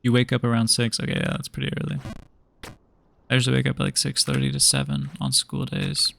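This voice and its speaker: Young man, gravelly voice, streamer, casual rambling chat, lots of fillers, home desk mic. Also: mid-range voice, flat delivery, quick pace, a bit bright. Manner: rambling, laid-back, many fillers and restarts. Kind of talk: casual chat while gaming.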